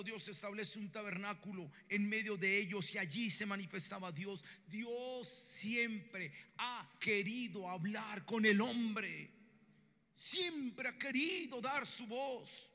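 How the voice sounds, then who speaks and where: Male preacher, animated sermon storyteller; high, forceful tone, reverberant hall. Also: slow pace. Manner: animated storytelling, acts out biblical dialogue in voices.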